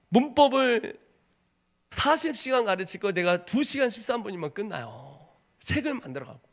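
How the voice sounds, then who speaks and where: A man in his thirties, a missionary preacher, telling a personal testimony in a sermon with dramatic storytelling, dropping to a hush and rising to shouts. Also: very high-pitched. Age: 30s. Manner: dramatic storytelling, acts out voices, swings from hushed to shouting.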